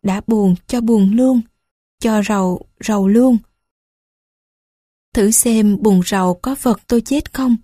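Slow, breathy woman reading a story. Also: mid-range voice, dark tone, dry recording, studio quality. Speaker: audiobook narrator. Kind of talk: first-person story narration.

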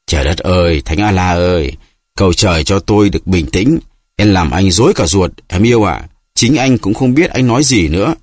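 A man's voice: deep voice, animated, brisk, no echo, clean studio sound. A man voicing a flustered husband who pleads and protests in exasperation. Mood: pleading.

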